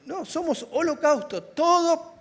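Lively Argentine pastor preaching. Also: male voice, very high voice, a little slow. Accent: Argentine Rioplatense Spanish. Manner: animated, humorous, acts out little dialogues. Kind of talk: sermon.

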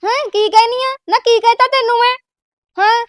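An actress with a Punjabi accent playing a domineering, quick-tempered elder sister who scolds her brother's wife. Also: very high-pitched, steady tone, fairly bright tone, no echo, studio quality. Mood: scolding. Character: domineering, sharp-tongued elder sister of the husband. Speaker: actor in a family web drama.

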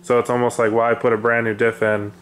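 A man casually chatting about his off-road gear, relaxed and rambling with lots of fillers. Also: medium pitch, brisk. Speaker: off-road video host. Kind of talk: casual garage chat. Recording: echoey room with faint noise.

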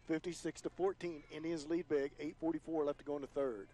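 A man calling high school football play-by-play on the radio, his voice climbing higher and louder on big plays. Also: fairly even intonation, fairly quick. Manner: rises in pitch and volume on big plays. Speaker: play-by-play announcer.

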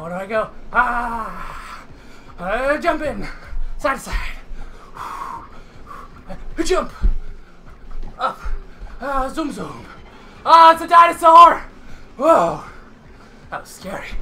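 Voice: medium pitch, expressive, slow, long pauses, over music. A gamer giving melodramatic trash-talking commentary while out of breath from exercising. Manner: melodramatic trash talk at the game. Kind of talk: let's play commentary.

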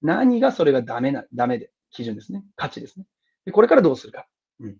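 Fast-talking man with a gravelly voice. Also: mid-range voice, dull audio. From Japan. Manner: earnest, energetic, with fillers and apologies for time. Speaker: teacher giving a talk. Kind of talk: seminar talk.

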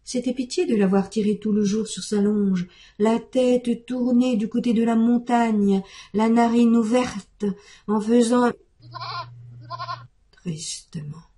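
A woman reads a storybook tale aloud, taking her time over every phrase. Her fairly high voice stays mellow and dark in tone, and her reading is expressive. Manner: unhurried, expressive.

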